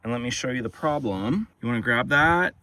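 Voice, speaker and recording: A man's voice: mid-range voice, animated, brisk, very noisy. A man chatting to viewers in a casual how-to vlog, grumbling with humor while he works outdoors, recorded on a handheld phone. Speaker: DIY vlogger. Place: outdoors on wet grass beside a pickup truck.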